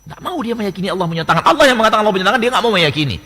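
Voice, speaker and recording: Male preacher, bright husky tone, lively pitch swings, rhetorical questioning, reverberant hall. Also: rapid-fire. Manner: animated, rhetorical questions, mock dialogues. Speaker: Islamic preacher. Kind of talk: lecture sermon.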